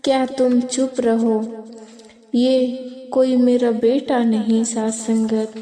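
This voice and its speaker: A woman's voice: a little high, flat delivery, slow, warm tone. Woman doing a scornful, scolding village father.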